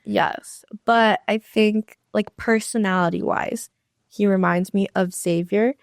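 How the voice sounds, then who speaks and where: A young woman co-hosting a casual chat podcast, retelling conversations with quick asides. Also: mid-range voice, steady tone, gravelly, no echo, clean studio sound. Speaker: podcast co-host.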